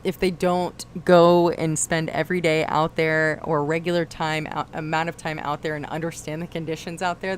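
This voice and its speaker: Woman, livestream host, relaxed chat, lowish voice, reads comments aloud. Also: a little hiss or hum.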